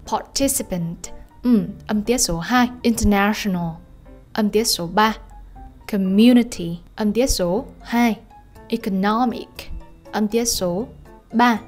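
A woman teacher and native Vietnamese speaker walks her students through a lesson at an easy middle pitch. She keeps asking little tag questions to check that they follow. A faint bed of music runs under her voice. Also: a little mellow. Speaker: English teacher. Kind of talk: video lesson explaining exercises.

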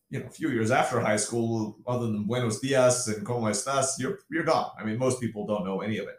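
A man's voice: on the low side, echoey room. A man in his forties with an American accent, a podcast guest chatting casually and often tagging his points with "right?" and "you know". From United States. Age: 40s. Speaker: podcast guest, language school founder. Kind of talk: casual interview talk.

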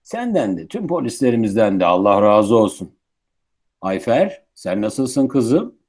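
A man's voice: lowish voice, very animated, a little slow, a little mellow. An actor as a grumbling old grandfather, swooping intonation. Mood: tender. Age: older. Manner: grumbling, folksy. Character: grumbling, affectionate old grandfather baffled by technology. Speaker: grandfather in a radio play. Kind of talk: Turkish radio theatre acting.

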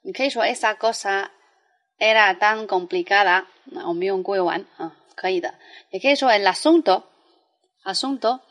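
A woman's voice: mid-range voice, fairly bright tone. A young adult woman teaching a language lesson, explaining patiently and reading foreign phrases aloud with frequent fillers. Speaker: Spanish teacher.

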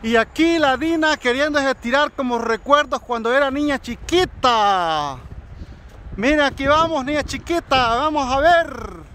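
A man's voice: very high-pitched, expressive, measured pace, sharp tone, slight background noise. A man filming outdoors in the snow, narrating playfully and counting down. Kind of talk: casual commentary while filming.

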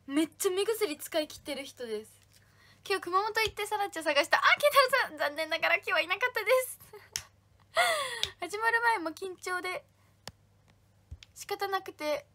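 A woman's voice: extremely high pitch, normal speed, pauses often, sharp tone, a little hiss or hum. A young woman hosting a casual livestream, reading fan comments aloud and thanking viewers by name in a bubbly way. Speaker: idol livestream host.

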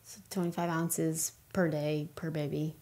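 A woman's voice: deep voice, level tone, a little slow, warm tone. A young woman chatting casually with her partner, answering viewer questions as a new mother and finishing his sentences.

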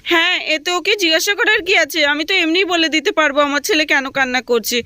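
A woman voicing a scolding young village wife and mother in a doll story, sharp and nagging. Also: extremely high pitch, expressive, quick pace, pitched above the performer's own voice, full character voice.

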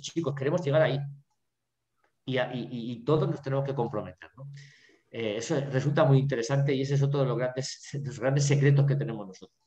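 Teacher lecturing over an echoey video call. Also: male voice, medium pitch, mellow, highs cut off. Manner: filler-heavy, constantly checking in with "¿vale?" and "¿no?". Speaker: drama teacher giving a lecture.

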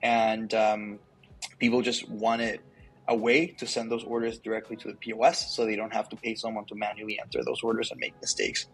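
A man's voice: lowish voice, completely flat delivery, a little fast, gravelly, a bit bright, low-quality recording. A young man from Colombia, a startup founder, chatting in an interview over earbuds on a video call from an office. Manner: chatty, lots of likes and ums. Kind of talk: casual interview answers. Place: office with large window.

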